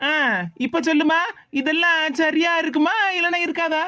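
A woman's voice: very high voice, flat delivery, pushed and bright, dull audio. A woman voicing a teasing cartoon village woman. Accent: Tirunelveli Tamil. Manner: teasing, quick banter.

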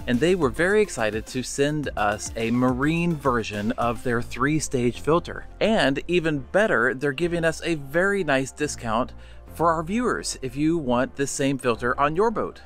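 A man's voice: medium pitch, expressive, unhurried, fairly bright tone, soft background music. A man in his thirties vlogging aboard a catamaran, chatting to viewers while he works on a project. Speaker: boat owner vlogger. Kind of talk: casual vlog talk. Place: aboard a catamaran, partly in a small cabin.

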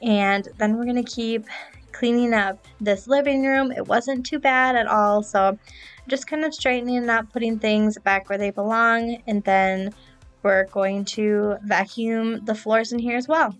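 A woman's voice: on the high side, fairly even intonation, a little slow. A woman in her thirties chatting casually as she narrates her own cleaning vlog in a voice-over, upbeat and loose with fillers. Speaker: cleaning vlogger. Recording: voice-over with soft background music. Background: faint music.

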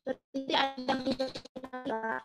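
A woman's voice: sits high, level tone, moderate pace, over music. Woman moderator on choppy, glitchy call audio. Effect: choppy, breaking-up online call audio. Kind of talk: moderating an online Q&A.

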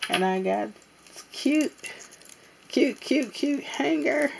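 A woman casually showing off her craft supply haul at a table, talking in an unhurried way with many ums and pauses. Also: high voice, expressive, creaky, noisy background. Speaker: crafting vlogger. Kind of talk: casual haul show-and-tell. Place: indoors at a tabletop.

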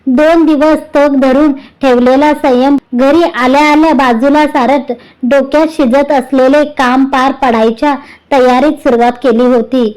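A woman's voice: high-pitched, steady tone, unhurried, darkish tone, rough recording. A woman narrating a serialized family story, reading every character's lines in her own voice.

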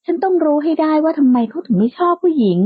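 A woman's voice: sits high, animated, fast talker, dry recording, voice pushed up. Woman doing a bold, teasing young prankster. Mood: playful. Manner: playful and outspoken, bright and teasing. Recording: dull lo-fi dry recording.

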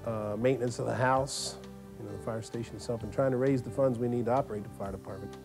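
An American man with a medium-pitched voice explains things in a documentary interview. Music plays clearly behind him. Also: fairly even intonation, quick pace. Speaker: fire company spokesman.

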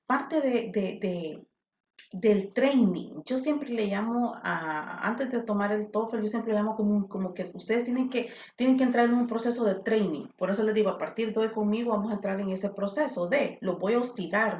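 A woman's voice: mid-range voice, darkish tone. A talkative woman teacher leads an online class. Her voice comes through a roomy, muffled connection with faint noise behind it. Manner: chatty, switches between English and Spanish. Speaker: English teacher. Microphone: video call. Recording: echoey, dull audio with faint noise.

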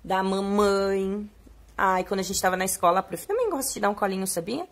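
Brazilian portuguese woman, young adult teacher, children's lesson, drawn-out sing-song words, mid-pitched voice. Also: sing-song, a bit bright. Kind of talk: reading and explaining a children's poem.

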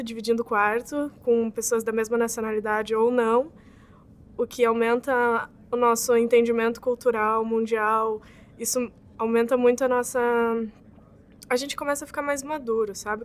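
A young woman, an exchange student in an interview testimonial, chatty and often adding "sabe?". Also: fairly high pitch. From southern Brazil. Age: young adult. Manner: chatty, ends phrases with "sabe?". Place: indoor campus building.

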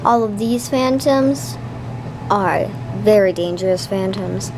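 Brief: a young girl as a creepy man bragging about his phantoms, slow talk, noisy room. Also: mid-range voice. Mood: boastful. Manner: rambling, bragging. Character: creepy boastful man who collects phantoms.

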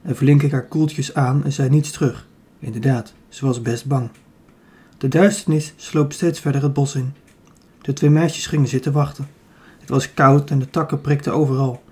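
Husky-voiced male audiobook narrator. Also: mid-range voice, steady tone, moderate pace, darkish tone.

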